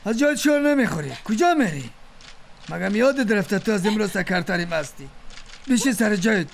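A man's voice: high voice, expressive, vocal fry, a little hiss or hum. An actor with an Afghan Dari accent playing a commanding middle-aged male company boss and father. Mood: scolding. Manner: commanding, scolding.

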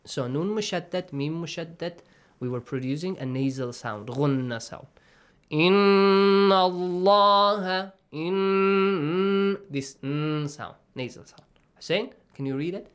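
Teacher running a recitation lesson: smooth, clean voice, steady pitch, slow drawn-out demonstrations, frequent check-ins. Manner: checks in often with "okay?" and "right?". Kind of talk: tajweed lesson to students.

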